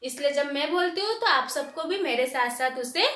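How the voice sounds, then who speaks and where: A woman gives young pupils a grammar lesson in a high, animated, fairly bright voice, dictating definitions slowly. She asks questions and answers them herself, and the room is echoey.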